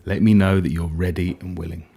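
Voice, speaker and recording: A man's low voice, delivered flatly, guides a hypnosis session. It's soft, breathy, and soothing, paced slowly with gentle pauses between phrases.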